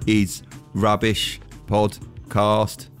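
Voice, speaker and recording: A podcast host putting on a robot voice, saying his lines slowly, stiffly and in a monotone. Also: fairly low pitch, faint music behind. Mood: mechanical. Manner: slow, stiff, monotone delivery. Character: robot announcer. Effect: put-on robot voice.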